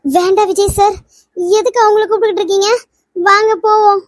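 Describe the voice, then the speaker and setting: A woman voicing Vadivu, a very high, shy young cartoon heroine. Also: steady tone, a little fast, no room sound, clean studio sound. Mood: pleading. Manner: pleading, worried. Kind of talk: cartoon voice acting.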